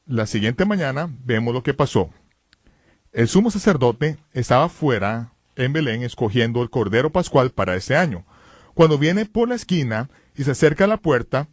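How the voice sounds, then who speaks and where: A man gives dramatic Bible teaching, pushing his phrases hard and rising to loud exclamations. His voice sits fairly high. He is recorded dry in a studio booth. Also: no echo.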